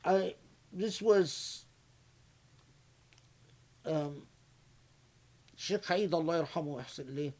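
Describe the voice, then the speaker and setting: A male scholar gives a commentary lecture at a slow, unhurried pace. He thinks aloud, breaks off and restarts his phrases, and slips short recited Arabic lines in between his English explanations. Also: fairly high pitch, darkish tone. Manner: halting and reflective, with frequent restarts. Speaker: scholar giving Quran commentary.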